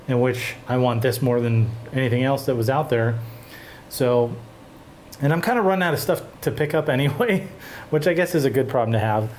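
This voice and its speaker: A man hosting a casual chat about synthesizers, relaxed and rambling with fillers and restarts. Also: mid-range voice, a little hiss or hum. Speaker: host of a synthesizer show.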